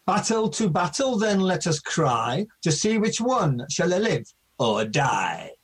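A man's voice: a little high, animated, slow pace, slightly rough, exaggerated voice. A man playing a boastful, menacing Turkish knight, the comic villain of a declaimed folk play. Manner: swaggering, declamatory.

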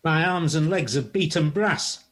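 A man's voice: fairly high pitch, unhurried, a bit bright, slightly rough. A man playing a bold, boastful knight, declaiming rhymes in a comic folk play. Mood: boastful, defiant. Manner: declamatory, rhyming bravado. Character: boastful, bold knightly hero Saint George.

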